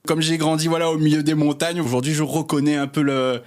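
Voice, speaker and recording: Relaxed man. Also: fairly high pitch, fairly quick. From Réunion. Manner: relaxed, many fillers, laughs easily. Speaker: guest, cartographer. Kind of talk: casual interview chat.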